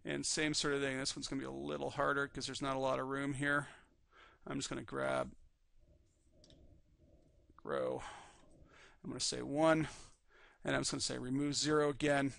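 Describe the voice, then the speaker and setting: A man teaching a live 3D rigging class, calmly narrating each step on screen while his voice is slightly worn. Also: mid-range voice, moderate pace, gravelly, pauses often, no echo. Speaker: 3D rigging instructor. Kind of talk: live screen-recorded software tutorial.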